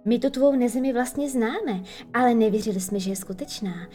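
A woman voicing Wendy, a caring, sensible girl who is quick to fret. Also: fairly high pitch, warm tone, natural voice. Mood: earnest. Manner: earnest, soothing, quick to fret.

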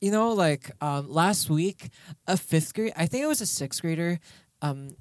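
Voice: mid-range voice, lively intonation, measured pace, dry recording. Un giovane studente co-conduttore di un podcast scolastico, loquace e pieno di intercalari e risatine, con voce di altezza media. La registrazione è asciutta e ravvicinata, senza riverbero. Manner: chatty, full of fillers and laughs. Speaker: student co-host. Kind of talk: casual school podcast chat.

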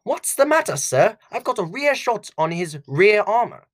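A man's voice: high-pitched, very animated, normal speed, voice pushed up. A man voicing an earnest young tank gunner, deferential to his commander.

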